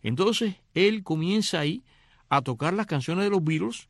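A man's voice: high-pitched, moderate pace, dry recording, clean studio sound. A middle-aged man casually retelling a film's story, acting out the characters' lines. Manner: animated, acts out dialogue. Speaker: radio host recounting a film.

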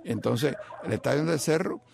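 A man's voice: a little high, lively intonation, moderate pace, creaky, a crowd in the background. An older man from Cuba with a Cuban accent, chatting casually and rambling through stories with many asides. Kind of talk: casual chat.

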